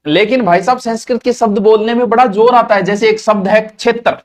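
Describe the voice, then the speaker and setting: High-pitched guy teaching hindi grammar to a class, marwari accent, throws in local words. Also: steady tone, brisk. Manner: mixes Marwari words into Hindi, asks questions and answers them.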